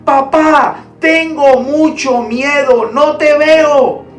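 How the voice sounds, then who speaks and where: A woman's voice: sits high, steady tone. A woman doing a frightened little boy crying out. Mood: scared pleading. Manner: slow, pleading cries. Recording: roomy echo, distant mic, soft music.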